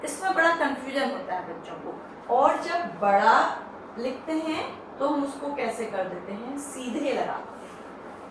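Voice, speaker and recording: A woman teaching a Hindi lesson to children, explaining slowly and patiently and asking the class questions. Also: on the high side, distant mic. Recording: echoey room, off-mic, faint hiss.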